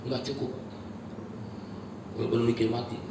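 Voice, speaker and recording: A man's voice: completely flat delivery, moderate pace. Echoey, impassioned male preacher. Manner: swings from low murmurs to high shouted cries, addresses the congregation as Pak. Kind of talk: sermon. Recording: echoey hall, picked up from far off, noisy.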